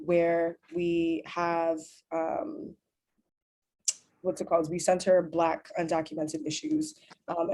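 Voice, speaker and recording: A woman's voice: fairly low pitch, a little mellow. A woman in her twenties, from Uganda and raised in New York, moderating an online panel in a chatty, upbeat way. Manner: chatty, upbeat, many fillers like "like". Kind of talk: casual panel talk over video call. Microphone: video call.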